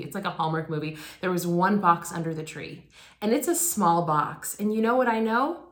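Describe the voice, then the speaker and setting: A woman's voice: on the low side, fairly bright tone. A woman in her forties gives a sermon by telling a personal story, speaking candidly and chattily with lots of "like" and "um". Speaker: pastor. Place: church sanctuary. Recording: roomy echoing hall.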